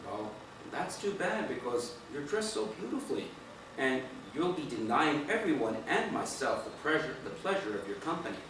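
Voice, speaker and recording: A man voicing a charming, confident young gentleman who speaks in a smooth, courteous, persuasive way. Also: fairly high pitch, sing-song, normal speed, noisy background. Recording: echoey room from far off.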